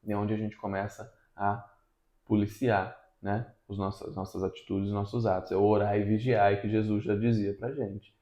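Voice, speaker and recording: A man, a father co-hosting, calmly explaining parenting advice in a casual chat at home. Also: fairly low pitch, moderate pace, lo-fi sound. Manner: calm, explanatory, tags lines with "né". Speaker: father and channel co-host. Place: room at home. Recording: echoey room.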